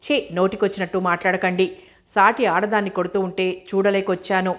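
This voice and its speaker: An outspoken young woman teacher, scolding and indignant, read by a woman in a level, flat voice. She speaks her mind plainly. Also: medium pitch, a little fast, close to an everyday voice.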